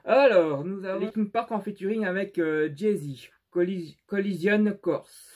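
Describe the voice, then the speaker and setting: Young male vlogger, non-native French accent, slow and halting, fairly high voice. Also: a little mellow. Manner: halting and unsure, many fillers and restarts. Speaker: YouTuber showing his CD collection. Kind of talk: casual vlog commentary.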